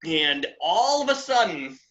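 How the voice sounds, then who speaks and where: A man's voice: unhurried, lo-fi sound. A man from New England hosting a casual podcast chat, swearing freely and acting out quotes in raised voices. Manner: swearing, animated, acts out quotes in high voices. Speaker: podcast host.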